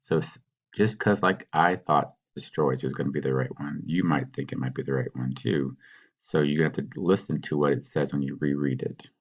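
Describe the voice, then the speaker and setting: A man teaching, patiently talking students through a worksheet and sounding out words slowly. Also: a bass voice, breathy edge, dull audio. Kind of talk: recorded classroom walkthrough.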